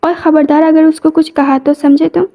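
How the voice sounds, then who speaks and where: A woman voicing a touchy young female student who snaps quickly. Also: high voice, level tone, highs cut off.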